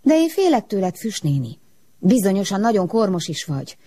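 A woman's voice: mid-range voice, very animated, mellow, breathy edge, voice pushed up. A woman voicing a cheeky little girl in a storybook, with a childlike, pleading way of talking. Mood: timid.

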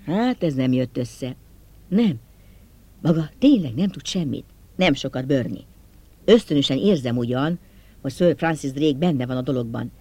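A man narrating an audiobook in first person, in a steady, measured storytelling way. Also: mid-range voice, no room sound.

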